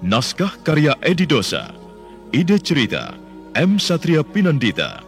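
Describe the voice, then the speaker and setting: A man's voice: fairly high pitch, huge pitch swings, measured pace. A man narrating and announcing a radio drama in a dramatic, scripted storytelling style. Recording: music bed under the voice. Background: music.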